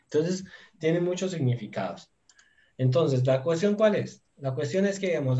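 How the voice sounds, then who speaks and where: A man teaching a language lesson online, thinking aloud with many fillers and slowly drilling conjugations. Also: fairly high pitch, dark tone, muffled recording. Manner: slow, drawn-out drilling of conjugations. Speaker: Turkish teacher.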